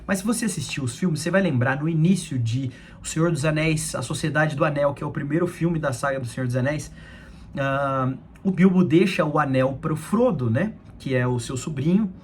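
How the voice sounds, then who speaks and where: A man's voice: on the high side, brisk, slight background noise. A young man giving a conversational devotional talk, addressing his listeners as friends.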